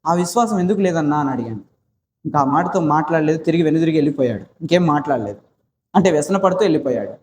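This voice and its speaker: A man's voice: fairly high pitch, lively intonation, quick pace, darkish tone, slight background noise. A man preaching a sermon as pastor, telling a story and firing rhetorical questions that he answers himself. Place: prayer house hall. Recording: echoey prayer hall with faint ambience.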